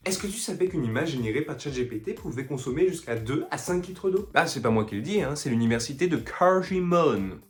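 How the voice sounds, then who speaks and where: A man's voice: on the high side, animated, fairly quick, hardly any pauses, music in the background. A man hosting a comedic educational sketch, talking in a sarcastic, teasing way. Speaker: host.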